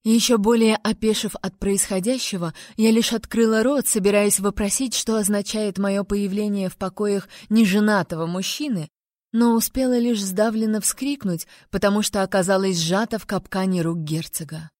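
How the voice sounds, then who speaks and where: Female audiobook reader, first-person romance, mid-pitched, expressive, dry studio sound. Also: moderate pace, no room sound. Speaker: audiobook narrator.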